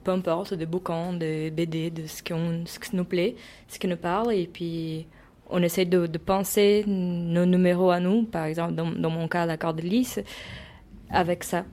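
A woman's voice: lowish voice, fairly even intonation, moderate pace, dark tone. A young woman of Brazilian origin answering interview questions casually, with many restarts and fillers. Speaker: interviewee, member of a cultural group.

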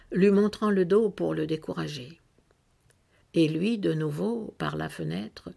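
Gravelly-voiced woman reading a novel. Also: lowish voice. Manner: expressive storytelling with sharp rises. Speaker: narrator. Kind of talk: literary reading aloud.

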